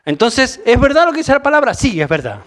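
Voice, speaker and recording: A man's voice: very high-pitched, huge pitch swings, a little fast, fairly bright tone. A man with a Rioplatense Spanish accent preaching a conversational sermon, mixing Bible reading with informal asides.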